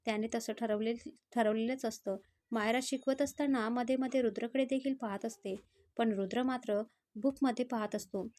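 A woman storyteller reading a romantic story in a steady, scripted narration. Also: on the high side, moderate pace.

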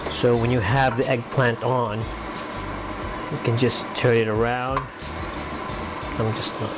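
Background noise is heavy as the young vlogger speaks slowly at medium pitch in a level tone. With a Filipino accent, the man from the Philippines chats casually to the camera while cooking in his home kitchen, adding joking asides.

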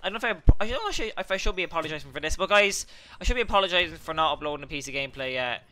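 Bright-voiced young man commentating gameplay. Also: a little high, very fast. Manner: rambling, excitable, swears at opponents. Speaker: gaming channel host.

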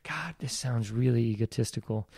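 A man from Iowa, an actor, talking as a podcast guest in a reflective, self-deprecating way with halting restarts. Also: medium pitch, a little mellow, husky, no echo, studio quality. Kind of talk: casual interview talk.

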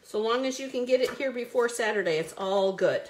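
A woman's voice: a little high, lively intonation, a little fast. A woman hosting a live card-making stream, chatty and bubbly, greeting viewers by name as she works. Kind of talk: live crafting stream chat.

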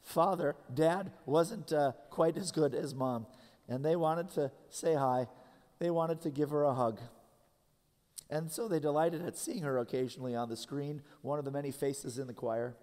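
A pastor in his thirties preaching a sermon in earnest, slowing down to stress key phrases. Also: a little high, darkish tone. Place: large church sanctuary. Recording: long hall reverb from a church sanctuary.

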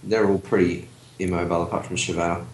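A man's voice: sits low, level tone, quick pace, a little mellow. A teenage boy with an Australian accent, casting a school esports match, rambling and searching for words. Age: teens. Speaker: student shoutcaster. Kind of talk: casual esports commentary. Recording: echoey room, faint noise, clicks.

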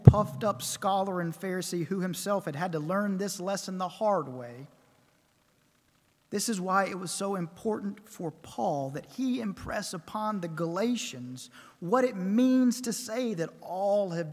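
A man preaching a sermon at a pulpit microphone, measured and emphatic, building his points with repeated phrases. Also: high-pitched, lively intonation, darkish tone. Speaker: pastor. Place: church sanctuary. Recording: long church reverb.

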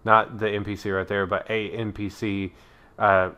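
A man's voice: fairly low pitch, flat delivery, moderate pace, sharp tone, clean tone, lo-fi sound. A man running a tabletop game as game master, chatting casually and loosely with lots of fillers.

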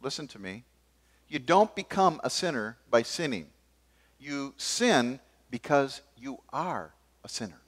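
An older man preaching a sermon from a church pulpit, gesturing as he moves between forceful emphasis and sudden quiet asides. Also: medium pitch, big pitch swings, measured pace, slightly rough. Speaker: pastor. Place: church stage behind a wooden pulpit.

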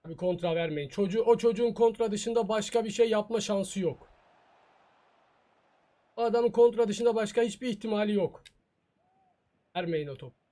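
A man's voice: sits high, normal speed, pauses often, dark tone. A gaming YouTuber reacting to his own soccer video game match, muttering in frustration and taunting his opponent. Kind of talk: live gameplay commentary.

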